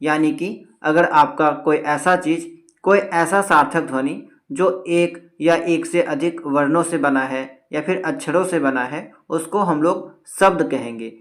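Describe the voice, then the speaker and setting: A man's voice: fairly high pitch, measured pace, a bit bright. A man's slightly raised voice carries this Hindi grammar lesson for exam takers. He explains each point step by step and drops English words into his Hindi. He often checks in with his class as he goes. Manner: explanatory, checks in with repeated "theek hai". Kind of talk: exam-prep lecture.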